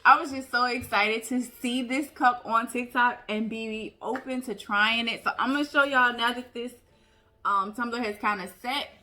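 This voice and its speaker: Bright-voiced excitable crafting vlogger woman. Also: a little high, moderate pace. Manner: chatty, excitable, addresses viewers as y'all. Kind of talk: casual crafting tutorial chat.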